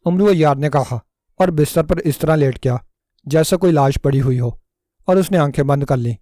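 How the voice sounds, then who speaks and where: Mellow-voiced male storyteller. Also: fairly high pitch, no room sound, clean studio sound. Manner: steady, measured storytelling. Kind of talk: scripted story narration.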